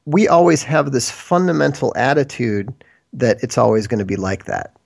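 A man's voice: mid-range voice, moderate pace, creaky. A man from Minnesota, a guest in a casual, rambling discussion. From United States, Minnesota. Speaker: interview guest.

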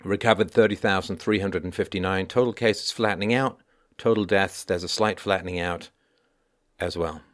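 A man hosting a news commentary show, reading out reports with deliberate, emphatic phrasing. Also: low-pitched, fairly even intonation, a bit bright. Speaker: online commentary show host.

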